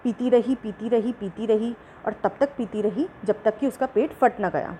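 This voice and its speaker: Female storyteller, slightly high pitch, expressive bedtime-story read, faint hiss under the voice. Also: moderate pace, poor audio.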